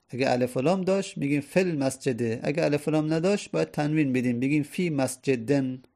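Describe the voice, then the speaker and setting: A man's voice: fairly high pitch, vocal fry, darkish tone. A man teaching an Arabic grammar lesson, explaining each point patiently and repeating it step by step.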